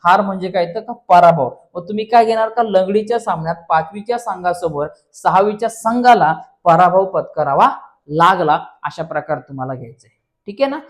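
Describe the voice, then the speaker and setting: A man with a fairly high voice and a Marathi accent walks students through an exam paper. He keeps asking questions back and answering them himself in a patient classroom way. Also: a little fast. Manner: repeats questions back, addresses friends. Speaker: teacher.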